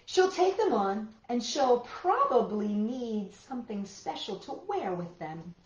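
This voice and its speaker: A woman with a fairly high, very animated voice reads aloud at an unhurried pace, hosting a children's storytime full of exclamations and chatty asides aimed right at young listeners. The recording sounds roomy and dull, lo-fi, with faint music.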